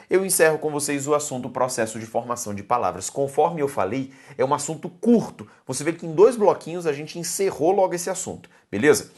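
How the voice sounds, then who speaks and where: Teaching an exam-prep grammar lesson, a Brazilian woman lets her pitch swing widely up and down. She speaks emphatically, keeps calling on students to look and listen, and affectionately calls viewers "my dears."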